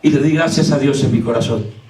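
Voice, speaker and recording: A man preaching a fervent sermon as pastor, often shouting as he tells personal stories. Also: mid-range voice, a little fast. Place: church sanctuary. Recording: echoey church from far off.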